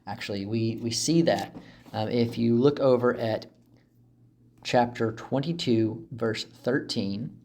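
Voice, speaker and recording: A man's voice: medium pitch, slow pace, a little mellow. A man in a mid-range voice explains a Bible passage as a teacher would. He talks casually and chattily, breaking up his sentences with asides and small fillers.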